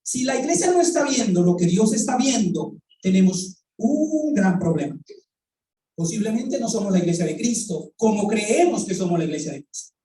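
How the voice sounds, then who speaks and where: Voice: mid-range voice, animated, moderate pace, mellow, a little hiss or hum. Colombian preacher, echoey and distant. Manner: storytelling, acts out quoted dialogue, asks the congregation rhetorical questions. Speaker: pastor. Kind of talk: sermon. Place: church hall. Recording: echoey room, voice from off the mic.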